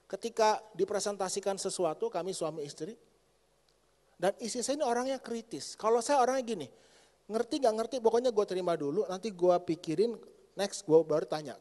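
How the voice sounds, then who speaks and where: A middle-aged man preaching a lively sermon to a congregation as pastor, speaking to them directly. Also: high voice, a little fast. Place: church hall. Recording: long church hall reverb.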